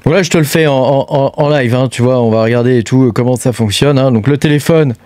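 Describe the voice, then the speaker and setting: A man's voice: mid-range voice, quick pace, darkish tone, dry recording. A man giving a casual hands-on review of a gadget, talking loosely with many fillers and repeated tag words. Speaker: crypto hardware reviewer.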